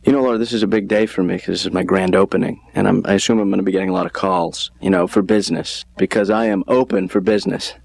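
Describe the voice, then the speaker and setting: A man's voice: sits low, steady tone, quick pace, creaky, few pauses, darkish tone, no echo. A man voicing a needy, wisecracking grown son in a cartoon, whiny and needling. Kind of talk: improvised cartoon banter.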